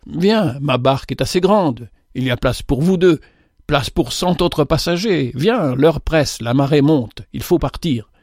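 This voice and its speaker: A man reading aloud voices a gentle, pleading stranger who captains a ship and urges others to follow him. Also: fairly high pitch, expressive, unhurried, dry recording, studio quality. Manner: pleading, urgent.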